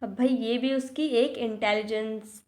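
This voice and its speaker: A woman teacher explaining a textbook chapter to students. She reads English lines slowly, then explains them in Hindi, checking in with the class often. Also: a little high, fairly even intonation, darkish tone. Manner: addresses students directly with repeated check-ins.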